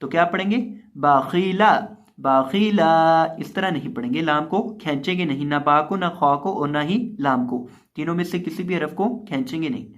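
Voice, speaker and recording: A man with a slightly high voice teaches recitation. He speaks patiently and slowly, spelling out each letter before saying the whole word louder and stretched out. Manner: patient, slow, spells letters then recites words aloud with emphasis. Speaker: Quran reading teacher. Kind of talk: recorded lesson.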